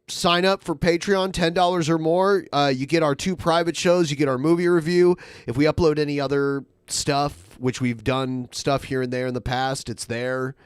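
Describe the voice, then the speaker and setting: A man's voice: fairly high pitch, smooth, no room sound, clean studio sound. A man hosting a show in casual, off-the-cuff talk. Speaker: show host.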